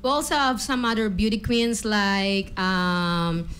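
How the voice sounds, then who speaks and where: A woman's voice: mid-range voice, steady tone, unhurried, fairly bright tone, slight background noise. A woman with a Filipino accent, a clinic owner guesting on a radio show, chatty and prone to joking asides. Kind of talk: casual radio interview.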